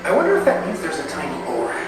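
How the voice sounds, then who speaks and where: Someone voicing a chipper robot tour guide coming out of a ride's loudspeaker, very echoey and far off, lively up-and-down delivery, loud music underneath. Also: mid-range voice, rapid-fire. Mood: upbeat. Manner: chipper, playful, announcer-like. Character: cheerful robot tour guide of a futuristic train. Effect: played over a ride's onboard loudspeaker. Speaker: recorded ride narrator. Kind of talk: scripted theme-park ride narration.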